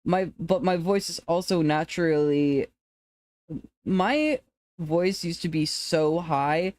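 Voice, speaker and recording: A streamer with an androgynous to femme-sounding voice, chatting casually with viewers in a rambling, relaxed way. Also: medium pitch, slow pace, no room sound. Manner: relaxed, rambling, laughs often, restarts sentences.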